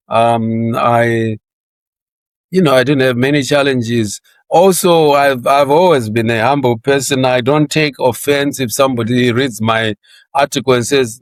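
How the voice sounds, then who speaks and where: A man's voice: mid-range voice, no echo. Older zimbabwean guy, sixties, chatting about work, laughs a lot, trips over his words, dry close mic. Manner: chatty, laughs often, repeats words when starting sentences. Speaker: interview guest. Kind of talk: conversational career interview.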